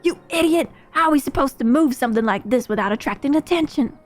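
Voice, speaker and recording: A short-tempered bandit boss, read aloud by a woman streamer snaps and scolds in a bright, higher voice. Faint game music plays under the voice. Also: fairly even intonation, moderate pace, natural voice. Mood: angry. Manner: barking, scolding.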